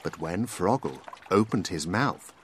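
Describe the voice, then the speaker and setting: A man reading a children's story aloud in a slow, expressive manner. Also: low voice, a little hiss or hum.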